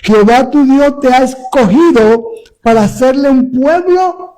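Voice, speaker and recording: A man with a strikingly high voice and a soft, dark tone leads a live-streamed radio program as pastor and host. He reads scripture with fervent emphasis and speaks warmly to listeners between passages. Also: measured pace, poor audio. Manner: preaching, emphatic scripture reading. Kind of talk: radio interview with sermon reading. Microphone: live stream via phone.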